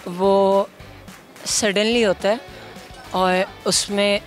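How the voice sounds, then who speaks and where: A man doing a soft, shy girlish voice. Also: high-pitched, level tone, extremely slow, faint music behind. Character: young woman, chatty and giggly. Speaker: interviewee. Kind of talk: street interview answers. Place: shopping area.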